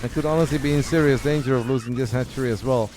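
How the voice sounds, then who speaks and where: A man casting a strategy game match alone, giving chatty, excitable play-by-play that speeds up and slows down with the action. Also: mid-range voice. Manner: chatty, excitable, says mate and guys. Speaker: esports caster. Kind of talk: solo play-by-play commentary. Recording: game music clearly behind the voice.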